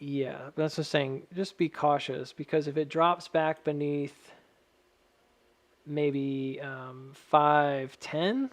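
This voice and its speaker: A man with a whistle on his s sounds gives casual, technical chart commentary, thinking aloud in a measured, cautious way. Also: on the high side, steady tone. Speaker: stock chart analyst addressing viewers.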